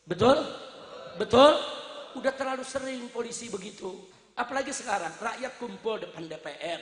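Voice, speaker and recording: A man preaching to a rally, firing rhetorical questions at the crowd and often breaking into shouts. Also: very high voice, normal speed. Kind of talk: fiery rally speech. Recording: echoey reverberant hall sound.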